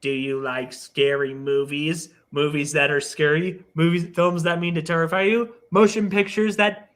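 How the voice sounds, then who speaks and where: A man putting on the voice of a menacing masked slasher making a prank call, low and repetitive. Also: little pitch movement, moderate pace, a bit bright, natural voice.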